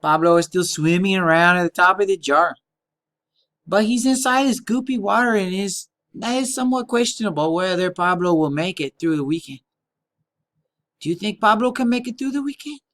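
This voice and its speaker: A math teacher voicing a playful man with a put-on Spanish accent, swinging between loud lines and hushed asides. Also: high-pitched, expressive, moderate pace, voice pushed up.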